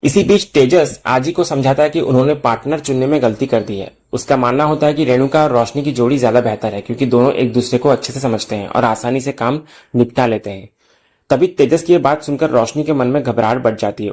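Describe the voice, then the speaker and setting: A man narrates a scripted recap of a TV serial episode at a middle pitch, his tone mellow and rather dark. He tells the story in a steady storytelling manner and speaks straight to viewers as he signs off. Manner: direct viewer sign-off.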